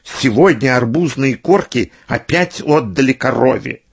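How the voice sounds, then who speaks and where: A man voicing a grumpy, lazy pig who grumbles scornfully in a husky voice. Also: mid-range voice, animated, measured pace, heavily acted. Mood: grumbling.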